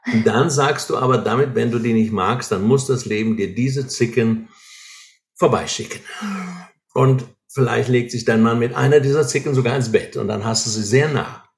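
A man's voice: medium pitch, normal speed, gravelly. A man explaining ideas in an earnest way, often checking in with short tags like "right?", in a conversation. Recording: roomy echo.

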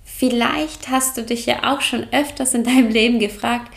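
A young woman hosting a yoga and mental health podcast, talking calmly and personally, straight to the listener. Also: on the high side, normal speed, gravelly. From Germany. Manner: calm, personal, speaks directly to the listener. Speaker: podcast host, yoga coach. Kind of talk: reflective solo podcast talk.

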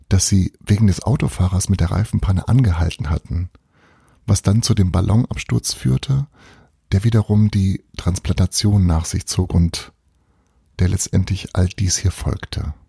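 A man narrating a novel as an audiobook in a measured, expressive storytelling manner. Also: deep voice, vocal fry, slightly rough, no echo, studio quality.

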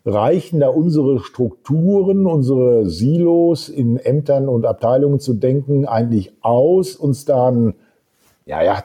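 A man talking thoughtfully in a discussion, pausing often with fillers and building long winding sentences. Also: mid-range voice, warm tone, slightly rough. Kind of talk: casual discussion.

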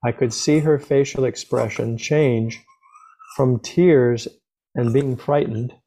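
A man who works as a sound healer, answering interview questions in a calm, earnest storytelling way and repeating words for emphasis. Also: medium pitch, slow, rough recording.

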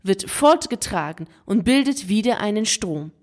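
A woman's voice: mid-range voice, lively intonation, normal speed, a little mellow, natural voice. A woman reading the lines of a mysterious, wise voice from the desert in a storybook tale. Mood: calm, knowing.

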